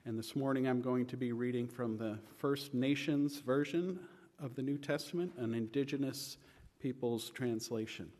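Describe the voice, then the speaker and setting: A male pastor reading scripture aloud in a church service, slow and measured with lifted emphasis. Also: mid-range voice, darkish tone. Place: church sanctuary. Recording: long reverb of a church sanctuary.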